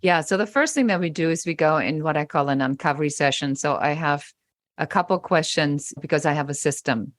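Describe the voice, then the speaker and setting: Low-voiced emphatic woman guest. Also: a little fast, dry recording. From Germany. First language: German. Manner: emphatic, animated, acts out quoted remarks. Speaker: podcast guest, business coach. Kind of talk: interview conversation.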